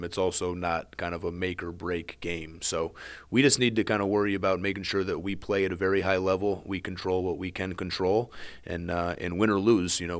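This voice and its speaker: A man, a head lacrosse coach, giving measured interview answers and often repeating words as he thinks. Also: low-pitched.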